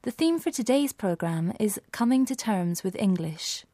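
A woman introduces an educational programme in a smooth, formal read. Her voice is warm and mellow. The sound is dry and close. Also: mid-range voice, big pitch swings, normal speed, no echo. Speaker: programme presenter. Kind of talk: scripted radio introduction.

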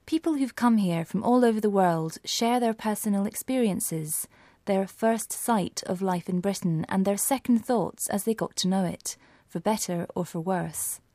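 Mellow woman presenting, formal. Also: mid-range voice, moderate pace, no echo, studio quality. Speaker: programme presenter. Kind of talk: scripted radio introduction.

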